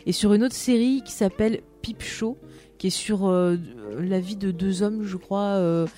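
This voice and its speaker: A woman hosts a casual talk show about television series. Her voice is mellow and dark, and she talks in a chatty, teasing way. Faint music plays under her. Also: mid-range voice, steady tone, measured pace. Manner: chatty, teasing, laughs often. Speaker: podcast host.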